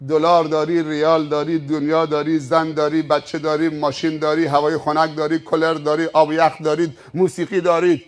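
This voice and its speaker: Stern male angel of death, put on by a preacher, commanding, high voice. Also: little pitch movement, hardly any pauses, lightly acted. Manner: barking orders, then coldly listing the man's riches.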